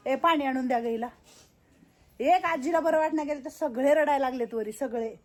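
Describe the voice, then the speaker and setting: Woman, old-age-home caretaker; gentle, repetitive reassurance; slightly high voice; echoey indoor room. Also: moderate pace. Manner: soothing, coaxing, repeats herself. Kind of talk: casual reassuring talk to residents.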